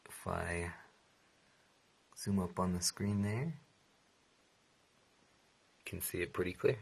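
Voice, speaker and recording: Taking it slowly, a man with a deep, darkish voice explains a product step by step in a casual, matter-of-fact tutorial. The recording was made indoors in a room, with clear background noise and room ambience.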